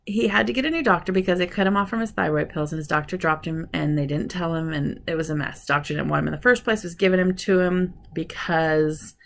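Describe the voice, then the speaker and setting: A woman's voice: fairly low pitch, fairly quick, vocal fry, few pauses, slight background noise. A woman vlogger talking in a casual, rambling way, frank and chatty as she catches viewers up. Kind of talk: casual vlog chat.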